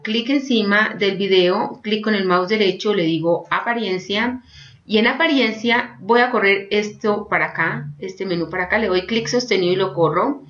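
A woman teaching an online course through a screen-recorded software tutorial, chatty, constantly saying "look" and checking in with "ok?". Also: mid-range voice, lo-fi sound. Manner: chatty, keeps prompting with "mira" and "¿ok?".

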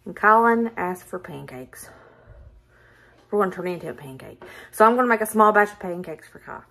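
Here the Southern vlogger in her thirties sounds brisk and expressive, her mid-range voice fairly bright. She keeps up a cheerful, casual narration while cooking in her kitchen for a home cooking vlog.

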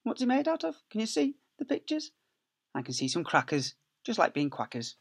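In a small office, a middle-aged male teacher reads a picture book to little kids into a close-range laptop webcam. His high, gravelly voice has a breathy edge, swoops wildly in pitch, and runs a little fast, as he playfully stretches key words and makes sound effects.

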